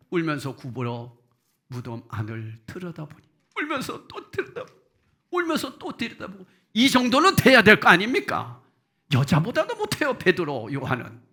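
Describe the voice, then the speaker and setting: A man preaches to his congregation in a lively, conversational sermon. His voice is fairly high and bright, with a very animated pitch. He keeps asking the listeners questions and swings between quiet low asides and loud, high outbursts. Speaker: pastor.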